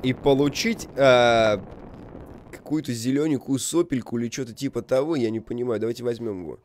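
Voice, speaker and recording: A man's voice: medium pitch, brisk, darkish tone, slight background noise. A young man giving casual, rambling, jokey video game commentary, reacting aloud and reading on-screen text. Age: young adult. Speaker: video game let's player.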